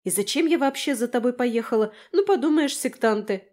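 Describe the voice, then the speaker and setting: A cheeky, mocking young woman who never stops talking, her voice pitched up high and bouncing with sarcasm, as a woman reads her in an audiobook. She teases everyone around her. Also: animated, brisk, a little mellow, lightly acted. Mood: sarcastic. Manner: teasing, mocking. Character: brash sarcastic chatty young woman friend. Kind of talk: audiobook character voice.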